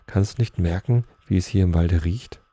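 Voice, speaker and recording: A man's voice: low-pitched, moderate pace, mellow, dry recording. A man voicing a sorrowful old male elk who calls out urgently in a storybook reading. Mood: urgent, mournful.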